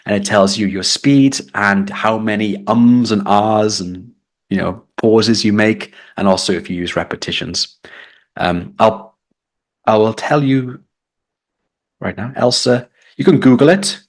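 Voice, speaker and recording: Brief: British male tutor, low-pitched, upbeat live-lesson explainer. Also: unhurried. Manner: explaining, reading chat comments aloud. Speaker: English test tutor.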